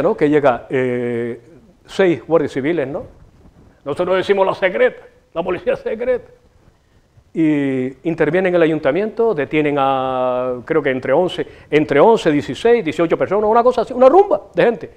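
Here a middle-aged Canarian Spanish–accented man hosts a local television show, gesturing expansively as he launches into a wandering, swear-strewn comic monologue. The small studio has a city backdrop. His fairly high voice moves at a moderate pace, lively in intonation and slightly mellow.

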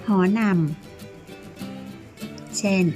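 Teacher, female, unhurried, coaxing children's lesson delivery over a music bed. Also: mellow. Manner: slow, coaxing questions to young pupils. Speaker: primary school teacher.

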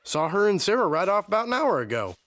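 A man voicing an easygoing young male stable hand in an animated cartoon, with a laid-back, folksy manner. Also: sits high, fast talker, no echo. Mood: relaxed. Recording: music behind the dialogue.

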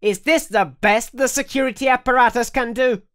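A man voicing a young, earnest and proper female pony in an audiobook reading, in a high, swooping voice. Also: normal speed, clear, resonant tone. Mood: outraged. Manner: indignant, high and lively voice. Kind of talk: audiobook character voice.

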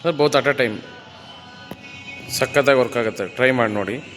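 A man's voice: mid-range voice, normal speed, fairly bright tone, long reverb tail, soft background music. A man working as a fitness trainer, counting reps and coaxing and teasing his client through a workout in a gym. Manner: counts reps, coaxes and teases the client playfully.

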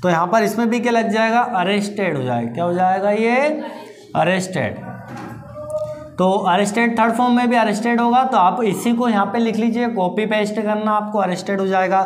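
An English teacher delivers a classroom-style grammar lesson in a mid-range voice, posing rhetorical questions, answering them, and slowly repeating each answer. The recording has a roomy echo and faint background noise.

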